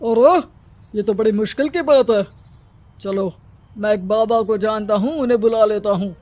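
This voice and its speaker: A woman playing a cunning, domineering village headman in an animated moral story. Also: mid-range voice, normal speed, no room sound, faint music behind, close to an everyday voice. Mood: scheming. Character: cunning, bossy village headman, scornful of educated girls.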